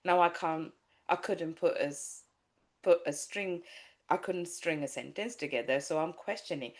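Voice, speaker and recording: Speaking at a normal speed in a deep voice, a woman from Sri Lanka who works as a life coach shares her personal story candidly in a podcast interview. She is an adult with a child, and her telling is full of restarts and fillers.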